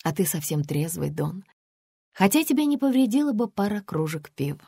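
A young woman with a curt, cutting delivery, read by a female narrator. The voice is low and dry. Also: very animated, moderate pace, vocal fry, warm tone, slightly rough, dry recording, full character voice. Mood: mocking. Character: young woman, wary and sharp-tongued.

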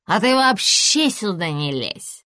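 A woman voicing a drunk, furious middle-aged woman who slurs and shouts. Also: on the low side, takes it slowly, dry recording, studio quality. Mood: shrill, drunk. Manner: slurred, shouting.

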